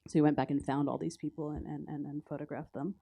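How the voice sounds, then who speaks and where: An American woman from the United States speaks as a photo editor on a panel in a university conference hall. Her low, mellow, creaky voice stays level and low-key as she moves haltingly through her slides, pausing now and then to find her notes.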